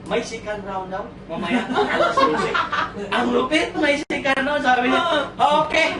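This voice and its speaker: A man's voice: extremely high pitch, measured pace. A man giving a comic motivational talk to an audience at a sales orientation, teasing them and asking questions. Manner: animated storyteller, teasing, asks the crowd questions; mixes in English phrases. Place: seminar room with audience. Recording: echoey room, far from mic, noisy.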